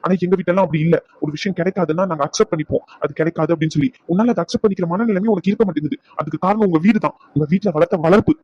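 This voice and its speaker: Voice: medium pitch, racing, few pauses, no room sound, highs cut off, lightly acted. A performer voicing a stressed, irritable young husband in a dubbed cartoon, arguing in an exasperated way.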